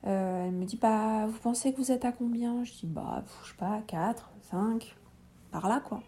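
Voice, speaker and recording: A woman's voice: fairly high pitch, normal speed, a little hiss or hum. A woman in her thirties, a podcast guest candidly telling her own story and acting out the dialogue. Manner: lively retelling, acting out dialogue with laughs.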